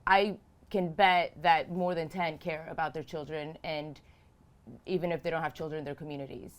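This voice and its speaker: A woman's voice: deep voice, fairly even intonation, moderate pace. A woman in her thirties from Romania, answering interview questions as a political candidate, earnest and emphatic, repeating phrases for emphasis. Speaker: House candidate.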